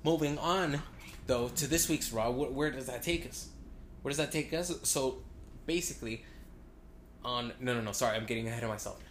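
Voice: mid-range voice, normal speed, echoey room, slight background noise. A podcast host talking casually and emphatically in slang, often repeating phrases. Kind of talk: casual wrestling podcast talk.

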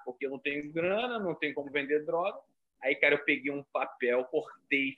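A comedian from Rio de Janeiro with a carioca accent, telling stories in a casual chat and acting out voices. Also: male voice, on the high side, lo-fi sound. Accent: Rio de Janeiro Portuguese. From Rio de Janeiro, Brazil. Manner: animated, acts out voices in his stories. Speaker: comedian guest. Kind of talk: casual storytelling.

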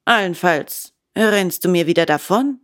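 A woman voicing a wise, poor old woodcarver father who speaks low and admonishing. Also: lively intonation, a little slow.

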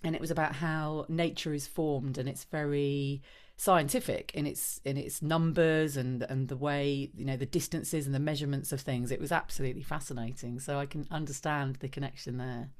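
A woman's voice: a bass voice, steady tone, normal speed, a little mellow. A woman hosting an interview, asking enthusiastic, rambling questions full of fillers. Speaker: interviewer host.

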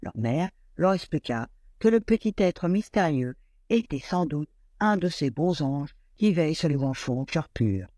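A man reading a classic fairy tale aloud in an expressive, lilting storyteller manner. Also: fairly high pitch, a little slow, no echo.

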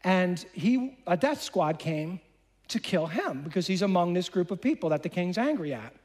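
A man's voice: sits high, moderate pace. A man preaching a sermon, retelling a scripture story in a casual, conversational way and acting out the characters' lines. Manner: animated, acts out dialogue in voices.

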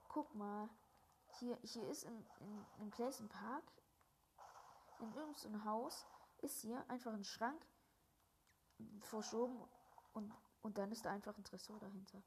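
A young gamer giving casual gameplay commentary into a headset, often dropping to a whisper and bursting into loud exclamations. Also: medium pitch, a little slow, long pauses, a little hiss or hum. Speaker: gaming video creator.

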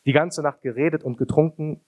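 A man's voice: on the high side, fairly even intonation, a little fast, a little mellow, pitched above the performer's own voice, natural voice. A man voicing a young woman friend in an audiobook, offhand and cheerful. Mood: breezy. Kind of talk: audiobook character voice.

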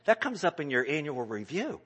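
A man preaching a sermon as a pastor, swinging from loud exclamations down to hushed whispers. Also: on the high side, very animated, a little fast, husky.

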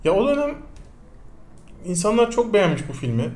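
A young co-host chatting quickly, teasing his partner and pushing back on his points. His voice is slightly high. The room has an echoey sound. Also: sing-song, darkish tone. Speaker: podcast co-host. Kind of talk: casual chat.

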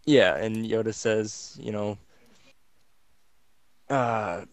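A man's voice: lowish voice, very slow. A man co-hosting a casual chat, laid-back and a little hesitant, with dry remarks. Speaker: podcast co-host.

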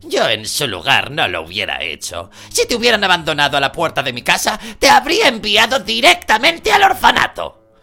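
A male narrator voicing a loud, bossy middle-aged aunt who bellows and scolds in a harsh, scornful way in an audiobook. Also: wildly swooping pitch, normal speed, gravelly, faint music behind, heavily acted. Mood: scornful scolding. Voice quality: booming, bellowing. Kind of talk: audiobook character voice.

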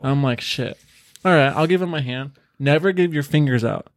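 A podcast co-host tells loose, profane stories over beers on a casual show, acting out the voices of the people he quotes. His voice is on the high side at normal speed, with a dry, clean studio sound.

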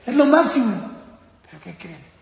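A man's voice: very high voice, moderate pace, gravelly. A man teaching a course for parents, telling stories and putting questions to the audience. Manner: animated storytelling with questions to the audience. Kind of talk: lecture to parents. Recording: echoey hall with long reverb.

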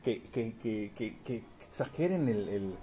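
A Mexican man from Yucatán in a casual podcast chat, crude and joking, swearing nearly every line, with a scratchy throat he keeps clearing. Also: fairly low pitch, lively intonation, measured pace, warm tone. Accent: Mexican Spanish. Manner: crude, swears constantly, jokey. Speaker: podcast co-host.

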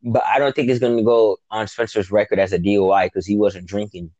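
A man with a low, mellow voice holds a casual recap chat. He tells the story with energy, acts out the quotes and swears freely. The sound is dry and close. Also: fairly even intonation, brisk, dry recording, highs cut off. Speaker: podcast co-host.

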